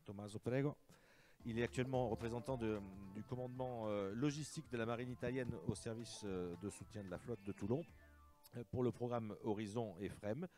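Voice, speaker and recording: A man moderating a conference and introducing a speaker, hesitant and pausing mid-phrase. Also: mid-range voice, mellow, soft background music.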